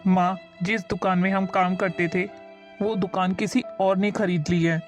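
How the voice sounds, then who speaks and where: A woman playing a hot-tempered young married man who shouts angrily at his wife. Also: on the low side, little pitch movement, unhurried, soft background music, close to an everyday voice. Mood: troubled. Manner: angry, shouting orders.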